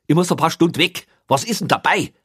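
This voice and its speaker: A man playing a lazy village policeman, curt and dismissive, his voice a little raised and husky. The recording is dry. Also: on the high side, expressive, fast, a bit bright, no echo, pitched above the performer's own voice, heavily acted. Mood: coaxing. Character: gruff, lazy small-town male police officer.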